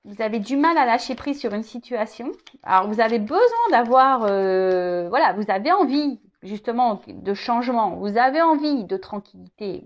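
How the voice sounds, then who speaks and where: A woman's voice: on the high side, lo-fi sound. A woman giving a tarot reading, talking straight to the viewer, hesitant, with many repeated words and fillers, now and then joking. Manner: chatty, addresses viewer directly, jokes. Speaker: tarot reader.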